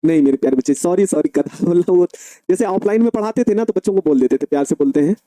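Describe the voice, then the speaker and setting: A man teaching an online chemistry class, fondly calling students dear children and slowly dictating notes with repeated phrases. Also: high-pitched, warm tone, no room sound.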